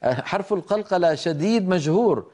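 A man gives a recitation lesson in a slightly raised, mellow voice. He talks earnestly to his listeners as brothers. He repeats each point and drills isolated letter sounds slowly. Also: high voice, expressive. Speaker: Quran recitation teacher. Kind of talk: tajweed lesson with spoken demonstrations.

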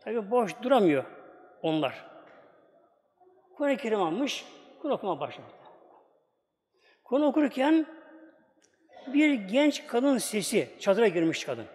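Man, religious teacher, high voice, sermon storytelling, reverberant hall. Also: big pitch swings, measured pace, pauses often. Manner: emotional storytelling, voice often dropping to a hush.

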